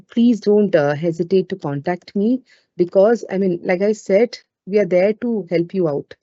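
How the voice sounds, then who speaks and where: Female webinar trainer, Indian accent, mellow conversational delivery, roomy lo-fi call audio. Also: fairly low pitch. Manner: conversational, with frequent "you know" asides. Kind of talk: informal live webinar talk with audience questions. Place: indoors on an online webinar call.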